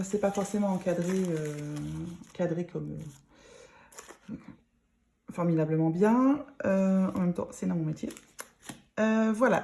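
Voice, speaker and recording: A woman with a northern French accent chatting casually to her viewers in a vlog, self-mocking and quick to laugh. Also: lowish voice, dark tone, slight background noise. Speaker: vlogger. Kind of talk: casual chat to camera.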